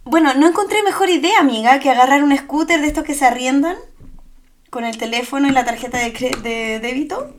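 A young woman with a Chilean accent and a high, light voice. She tells stories in casual chat, loose and slangy, and keeps laughing along the way. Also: a little fast, slight background noise. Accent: Chilean Spanish. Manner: lively storytelling with slang and laughs. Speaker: podcast co-host.

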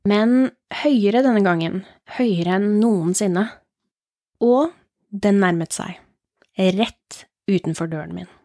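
Woman reading creepy tales on her podcast, slow and hushed, dead dry sound. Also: medium pitch, no echo. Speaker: horror podcast host. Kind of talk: reading short horror stories aloud.

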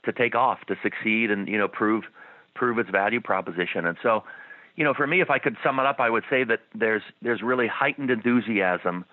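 A man's voice: on the low side, fairly quick, no echo. A man being interviewed as a guest investor, slightly losing his voice, answering thoughtfully with many restarts. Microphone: phone line. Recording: tinny dry phone line.

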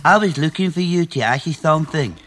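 An actor playing a naive, literal-minded and earnest toilet cleaner in an audio comedy. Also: male voice, fairly high pitch, expressive, a little fast, a bit bright, slight background noise. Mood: meek, earnest.

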